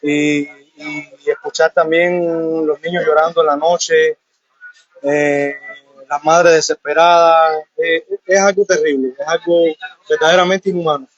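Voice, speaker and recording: A man from Cuba answering questions in an outdoor street interview, earnest and halting, with many pauses and fillers. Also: on the high side, fairly even intonation, dry recording. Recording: muffled live field audio.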